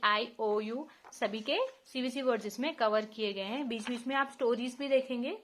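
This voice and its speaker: Indian woman in her 30s, higher voice, patient teaching walkthrough, sounds out letters. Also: a bit bright. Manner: explains patiently, spells out letter sounds slowly. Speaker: parent reviewing a phonics book.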